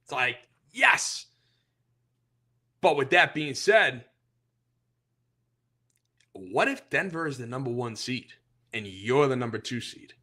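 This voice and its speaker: A man hosting a sports podcast, ranting as an opinionated fan in a casual, animated way. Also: mid-range voice, measured pace, long pauses.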